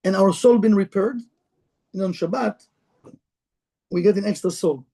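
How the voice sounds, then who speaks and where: A man with a high, mellow voice speaks at normal speed, teaching Kabbalah in broken English. It's an informal spiritual talk to a live group, delivered conversationally, with questions thrown out to the audience.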